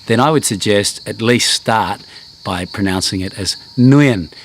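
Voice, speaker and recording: Guy giving a relaxed travel language lesson outside, lots of ums, faint bugs and traffic behind. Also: lowish voice, normal speed. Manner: chatty, self-deprecating, many ums and restarts. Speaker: language class host. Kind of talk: casual spoken lesson to camera.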